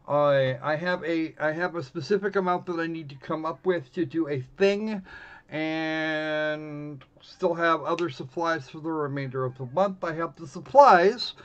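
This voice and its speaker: Playing games on a livestream, this host rambles through casual, snarky commentary in a fairly high voice at a slightly slow pace. Faint game music plays behind him, and the audio is muffled and band-limited.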